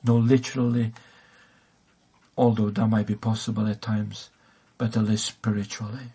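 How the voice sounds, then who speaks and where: A man's voice: lowish voice, flat delivery, normal speed, mellow, slightly rough. A man preaching a sermon, hesitant, with many fillers and restarts.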